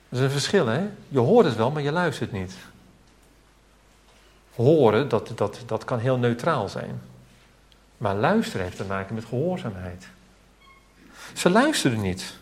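A man delivering a sermon at a slow, deliberate pace. His pitch moves widely, and he presses words with earnest, pleading emphasis. He builds from quiet reflection to raised, insistent calls. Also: big pitch swings. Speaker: preacher.

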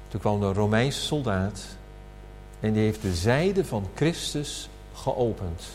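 A man preaching a sermon at a communion service, slow and emphatic, asking rhetorical questions. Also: mid-range voice. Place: church hall. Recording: reverberant hall with faint hum.

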